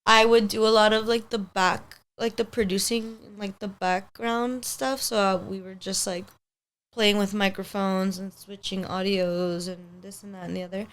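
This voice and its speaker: This mid-range female voice keeps a fairly even intonation at a moderate pace. The speaker is a twenty-something hair stylist, a native Spanish speaker, guesting on a podcast where she chats in a rambling, upbeat way and says "like" constantly.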